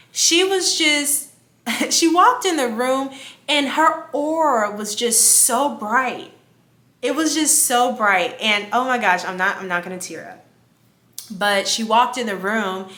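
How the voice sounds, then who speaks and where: A woman's voice: high-pitched, pushed and bright, reverberant. A young woman, telling a candid story in a casual vlog, swearing freely and laughing as she talks. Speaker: vlogger.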